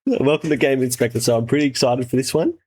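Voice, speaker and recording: A man's voice: medium pitch, quick pace, a little mellow. A man hosting a casual trailer reaction with sweary, laddish, slangy enthusiasm. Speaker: host, game developer reviewing trailers.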